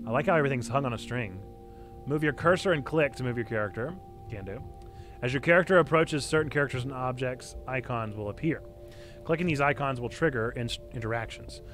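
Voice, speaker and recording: A man's voice: medium pitch, brisk, fairly bright tone. A man in his thirties giving playful, theatrical live game commentary and reading on-screen text aloud, close on the mic. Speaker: game streamer. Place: small indoor streaming room. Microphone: close streaming microphone. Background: game music.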